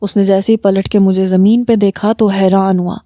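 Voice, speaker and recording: A woman narrating a romantic story in the first person with a steady, dramatic reading. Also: mid-range voice, no echo, highs cut off.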